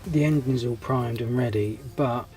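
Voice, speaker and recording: The host of a scale model channel, congested and losing his voice to a cold, rambles through a casual update at a moderate pace in a mellow, medium-pitched voice. He stays friendly and relaxed despite frequent hesitations and restarts, while clear music plays beneath the rough recording.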